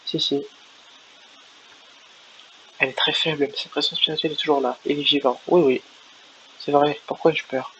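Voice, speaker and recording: A man's voice: a little high, fairly even intonation, normal speed, pauses often, a bit bright. A man voicing a determined teenage swordsman hero, reading game dialogue aloud in a plain, earnest way, on a lo-fi recording. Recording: lo-fi with faint hiss.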